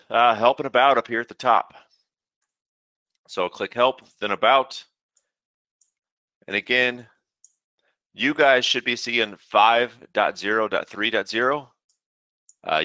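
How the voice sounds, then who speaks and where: Low, bright-toned male software trainer. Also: dry recording. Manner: casual, steady instructional talk with frequent "uh" fillers. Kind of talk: webinar software walkthrough.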